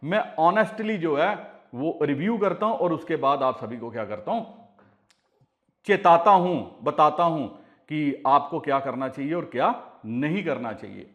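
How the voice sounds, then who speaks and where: A man hosts a casual advice vlog in an earnest, pleading tone, repeating each warning several times as he talks straight to his viewers. His voice sits somewhat high for a man. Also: animated, normal speed, a bit bright, highs cut off. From India. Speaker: crypto channel host.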